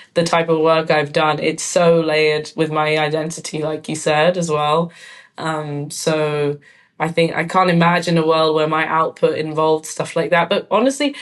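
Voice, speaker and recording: A thoughtful guest, a low-voiced woman from London, speaks in a casual conversational interview. She is an artist and filmmaker and peppers her speech with frequent "like" and "um" fillers.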